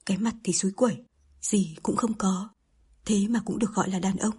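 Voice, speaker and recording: A harsh older mother berating a young suitor with contempt, read by a woman narrator. The voice is very breathy and mellow, almost whispered. It sounds like a storybook reading. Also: mid-range voice, brisk. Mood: scornful. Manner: scolding, contemptuous.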